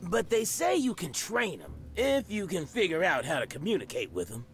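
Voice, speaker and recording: High-strung, high-pitched paranoid store owner. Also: male voice, big pitch swings, normal speed, a bit bright. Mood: explaining. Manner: exasperated, agitated, conspiratorial. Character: paranoid, irritable male store owner, doomsday prepper. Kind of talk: animated comedy adventure game dialogue. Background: music.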